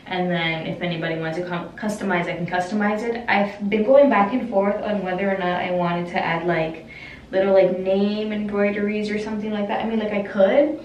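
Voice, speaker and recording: A woman's voice: medium pitch, distant mic, lo-fi sound. A young adult woman giving an informal, rambling vlog update, recorded in a small echoing bathroom. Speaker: vlogger. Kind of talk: casual chatty vlog update. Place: small closed bathroom, indoors. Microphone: camera a short distance away. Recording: echoey bathroom, some background noise.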